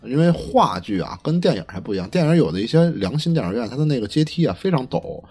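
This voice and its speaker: A man with a Beijing accent chatting casually and telling anecdotes in a colloquial, lightly profane, animated way. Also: mid-range voice, fast, slightly rough, soft background music. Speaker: podcast co-host.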